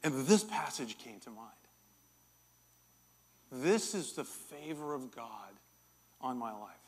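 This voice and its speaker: A middle-aged man preaching a sermon as pastor, telling a personal story in an animated, self-deprecating way. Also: mid-range voice, slow, husky. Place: church.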